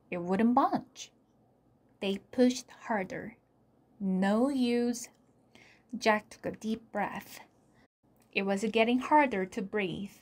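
A woman whose first language is Korean, reading a children's chapter book aloud in a soft, deliberate storytelling manner. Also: medium pitch. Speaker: storybook reader.

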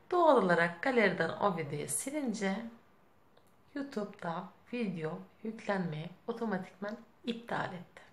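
A woman's voice: mid-range voice, echoey room. A young woman vlogger talking casually to camera, frustrated and scolding herself, close to tears. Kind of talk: casual vlog talk to camera.

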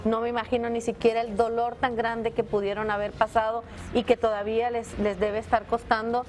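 A woman's voice: on the high side, flat delivery, brisk, a little mellow, faint music behind. A woman hosting a TV show, commenting conversationally in a studio. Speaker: TV show host.

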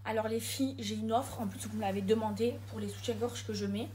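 A woman's voice: on the high side, steady tone, quick pace, dark tone, a little hiss or hum. A young woman chatting enthusiastically to her followers in a casual vlog. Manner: chatty, enthusiastic, addresses viewers as girls. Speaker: vlogger.

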